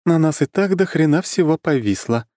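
Guy doing a sassy mocking young woman, high and lively, dry close sound. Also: moderate pace, dry recording, lightly acted. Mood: flippant. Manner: mocking, flippant.

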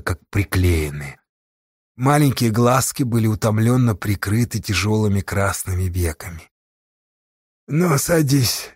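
Husky male audiobook narrator. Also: on the low side, no echo, clean studio sound. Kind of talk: scripted narration.

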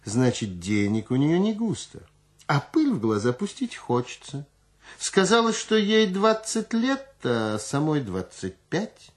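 A man voicing a shrewd, unflappable old woman fortune-teller in a high, sing-song way. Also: very animated, measured pace. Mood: nonchalant.

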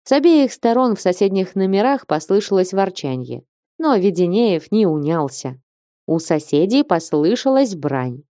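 Lady reading an old novel out loud, lively pitch, mellow and dry. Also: normal speed, no room sound. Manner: expressive storytelling. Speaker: audiobook reader. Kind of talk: literary audiobook narration.

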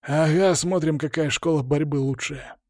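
A man voicing loud chummy young guy. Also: fairly high pitch, moderate pace, dry recording, clean studio sound, voice pushed up, close to an everyday voice. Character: brash young male friend, refereeing, jokey. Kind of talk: audiobook character voice.

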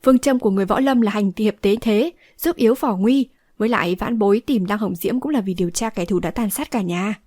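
A woman's voice: medium pitch, brisk, few pauses, dark tone, dry recording, lightly acted. A woman reading a modest, upright young male swordsman who speaks politely, in a dry close recording.

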